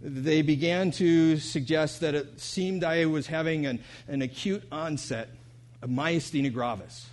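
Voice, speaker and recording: A middle-aged man delivers a sermon in a fairly high voice. He tells stories plainly, then builds to loud, emotional peaks before falling back to near-whispered lines. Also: unhurried. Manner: storytelling, rising to loud emotional peaks then dropping to soft. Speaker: pastor.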